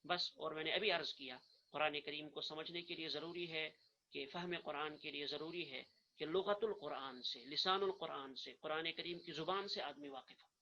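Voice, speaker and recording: A man teaching an online course, earnest, repeating his points and reciting the letters slowly, in a dull lo-fi recording. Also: fairly high pitch, bright, forceful tone. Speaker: Arabic grammar teacher. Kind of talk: online lecture.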